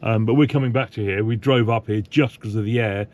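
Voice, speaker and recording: A man's voice: on the low side, fairly even intonation, fairly quick, a little mellow. A man chatting casually in a travel vlog from his motorhome, rambling with plenty of fillers and restarts. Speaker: vlogger. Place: motorhome on the road.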